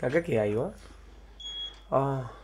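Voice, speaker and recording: A man's voice: medium pitch, lively intonation, takes it slowly, a little mellow, a little hiss or hum. A man with an Argentine accent giving horror gameplay commentary, jumpy, swearing constantly and screaming when frightened. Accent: Argentine Spanish. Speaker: let's play gamer.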